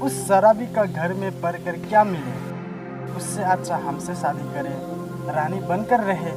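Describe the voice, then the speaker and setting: A spoiled, boastful suitor, played by a man, talks himself up in a raised voice. Music plays clearly under the scene of this short film. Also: high-pitched, a little slow. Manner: boastful, pushy.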